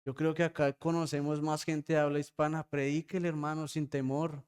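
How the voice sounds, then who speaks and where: Spanish-speaking man preaching with a smooth voice. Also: fairly high pitch, little pitch movement, fairly quick, a little mellow. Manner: preaching with frequent rhetorical "¿sí?" checks; addresses congregation as brothers. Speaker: pastor. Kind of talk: sermon. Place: church.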